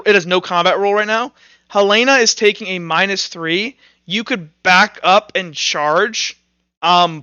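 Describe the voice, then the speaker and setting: A high, clean voice belongs to a man game-mastering a tabletop roleplaying game, narrating and informally explaining rules while thinking out loud. The recording is dry, and its highs are cut off.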